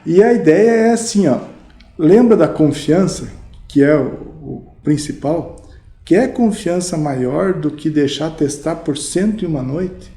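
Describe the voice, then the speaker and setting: Animated Brazilian man with a dark voice. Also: on the high side, measured pace. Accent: Brazilian Portuguese. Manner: animated, lively anecdotes with many fillers. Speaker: guest, mattress salesman. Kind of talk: casual storytelling interview. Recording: roomy podcast studio.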